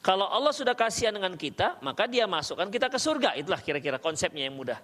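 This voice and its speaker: A man's voice: high-pitched, very animated, fast, bright, forceful tone. A man giving a religious study lecture as a preacher. He recites Arabic verses and keeps the talk conversational by quizzing his listeners. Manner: conversational, quizzes the audience with questions. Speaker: Islamic preacher teaching a study circle.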